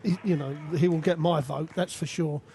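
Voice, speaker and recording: A man's voice: fairly high pitch, steady tone, normal speed, creaky, mellow, a little hiss or hum. A man giving conversational, analytical live darts commentary as a co-commentator. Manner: analytical, addresses his co-commentator.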